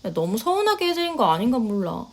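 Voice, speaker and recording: A woman as a soft-spoken young wife. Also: on the high side, big pitch swings, fast. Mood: gentle. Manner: polite, quiet, hesitant. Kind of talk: storytelling voice acting.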